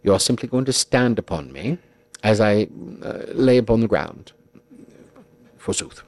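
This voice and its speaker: A man's voice: lowish voice, lively intonation, a little slow, darkish tone, dry recording. A man voicing a pompous mock-medieval nobleman, speaking in grand, archaic, courtly phrasing. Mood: mock-solemn.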